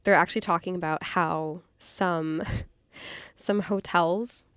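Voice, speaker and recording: A woman's voice: lowish voice, fairly even intonation, slow pace, a bit bright, clear, resonant tone, no echo, studio quality. A young woman co-hosting a casual chat, laughing often and saying "like" a lot. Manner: giggly, says "like" a lot. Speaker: podcast co-host.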